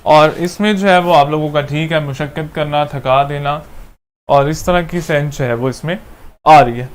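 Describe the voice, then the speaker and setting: A man's voice: fairly high pitch, normal speed, clear, resonant tone. A man with a Pakistani accent teaching an online English class, patiently stopping to ask his students questions.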